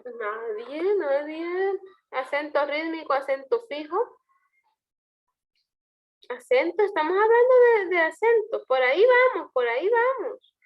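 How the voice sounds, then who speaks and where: This language teacher's very high voice swings widely in pitch as she teaches poetry online, a little slowly and with frequent pauses. She explains step by step and questions her students, though the highs are cut off.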